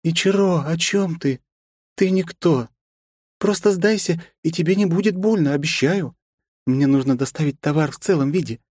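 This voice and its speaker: A man voicing a shrill, cold-hearted huntress. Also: normal speed, darkish tone, dry recording, studio quality, natural voice. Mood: mocking. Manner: cold then shrieking, abusive. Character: fierce adult woman hunter, volatile wife.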